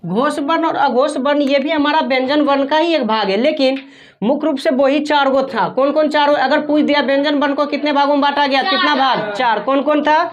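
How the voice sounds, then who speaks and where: A woman with a high voice teaches a class. She keeps asking her students questions and echoing their answers back to them. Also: fairly quick, lo-fi sound. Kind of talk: classroom grammar lesson.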